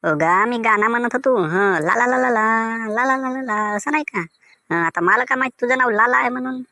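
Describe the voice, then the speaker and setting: A man's voice: very high-pitched, expressive, fairly quick, sharp tone, no room sound, exaggerated voice. A man voicing a defensive, grumbling village mango seller with a Vidarbha Marathi accent. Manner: sing-song, defensive, grumbling. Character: cheerful singing village mango seller Diwakar.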